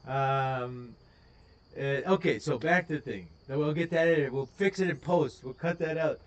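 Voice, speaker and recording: A man's voice: medium pitch, normal speed. A man with a Wisconsin accent hosting a casual live stream, rambling with plenty of ums and uhs. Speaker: host.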